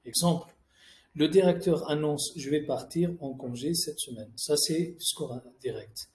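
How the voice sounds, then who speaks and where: Bilingual grammar teacher in an echoey room. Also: male voice, on the high side, a little slow, darkish tone. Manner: explains each rule in French and then in English, reading out example sentences. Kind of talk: classroom-style grammar lesson.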